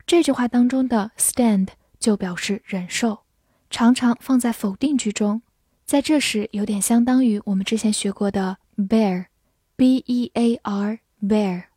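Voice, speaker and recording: Slow, mellow-voiced woman teaching vocabulary. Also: on the high side, slightly rough, no echo, studio quality. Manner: spells words letter by letter and reads example sentences slowly. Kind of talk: scripted vocabulary lesson.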